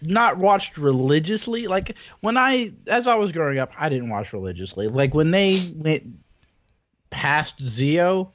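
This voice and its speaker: Rambling man with a lively voice. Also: fairly high pitch, measured pace, dry recording. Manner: rambling, swears casually, self-deprecating. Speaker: podcast co-host. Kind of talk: casual chat.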